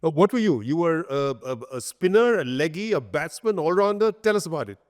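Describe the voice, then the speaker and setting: An older man hosting a conversational interview in a halting, deliberate way. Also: fairly high pitch, expressive. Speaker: podcast host, interviewer.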